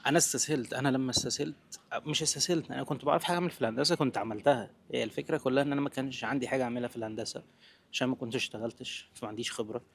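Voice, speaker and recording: A man's voice: medium pitch, rapid-fire, gravelly, a little hiss or hum. A man in his twenties with an Egyptian accent talking naturally without a script, informal and direct as if to a friend, mixing in English terms. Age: 20s. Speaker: vlogger giving business advice. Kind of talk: natural unscripted talk to camera, casual.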